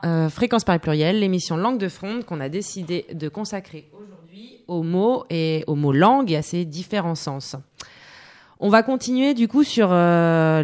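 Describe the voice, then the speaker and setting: Hesitant radio host, halting delivery. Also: medium pitch, smooth. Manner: hesitant, many fillers and restarts. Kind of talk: casual radio presentation.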